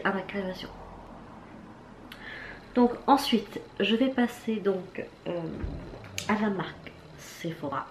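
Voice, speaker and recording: A beauty vlogger with a darkish mid-range voice chats her way through a makeup haul review. She's casual and talkative but hesitant, with many fillers and restarts, recorded in an echoey room with faint background noise.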